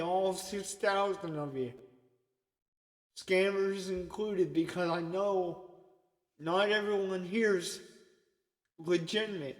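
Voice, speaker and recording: A man preaching an informal sermon in a conversational way, often checking in with "okay?". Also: sits high. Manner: conversational, repeatedly asks "okay?". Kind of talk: informal sermon to an online group. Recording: echoey long reverb.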